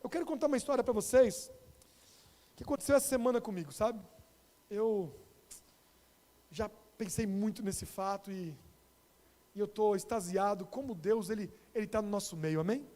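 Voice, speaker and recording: High-voiced Brazilian pastor in a reverberant hall. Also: male voice. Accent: Brazilian Portuguese. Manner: animated, addresses the congregation directly. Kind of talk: storytelling sermon. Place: church. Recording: long reverb of a church hall.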